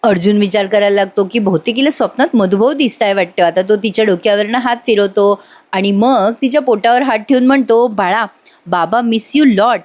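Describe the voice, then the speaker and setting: A woman's voice: medium pitch, a little fast, darkish tone. A woman, chatting through a voice-over retelling of a TV serial episode and acting out the characters' lines. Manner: chatty, asides to the audience, acts out dialogue in a raised voice.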